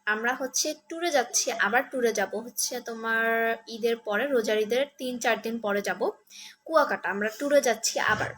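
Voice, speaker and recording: A woman's voice: fairly high pitch, moderate pace, a bit bright. A woman chatting casually on a live stream, answering viewers' comments one by one.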